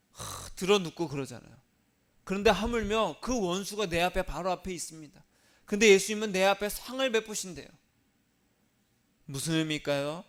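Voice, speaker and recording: A man's voice: high-pitched, a bit bright. A man preaching a sermon as pastor, leading the congregation to repeat lines and dropping to a whisper at times. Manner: call-and-response preaching, drops to whispers.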